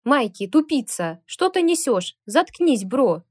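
A woman voicing a gruff, stubborn man who talks tersely and rudely, in an audiobook. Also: mid-range voice, moderate pace, warm tone, no echo, clean studio sound, lightly acted. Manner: terse and rude.

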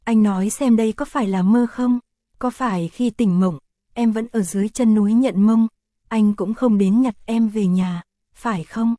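A woman's voice: fairly high pitch, normal speed, dark tone, no room sound, clean studio sound, lightly acted. A woman reading as a pouty young man. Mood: earnest.

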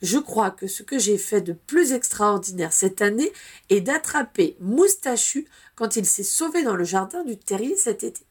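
A woman's voice: mid-range voice, animated, moderate pace, a little mellow, slightly rough. A woman reading the lines of a modest, dutiful young man, an Auror, earnestly and plainly.

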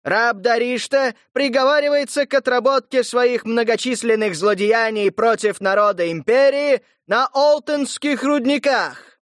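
A man voicing a male court herald who bellows proclamations in a shrill, ringing voice. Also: measured pace, fairly bright tone, no room sound, studio quality. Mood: proclaiming. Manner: shrieking, booming proclamations.

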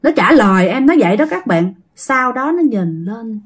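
A woman's voice: a little high, sing-song, normal speed, husky. A woman with a Southern Vietnamese accent telling a ghost story in a chatty way, talking straight to her listeners. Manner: chatty, addresses listeners directly. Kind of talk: casual ghost story narration.

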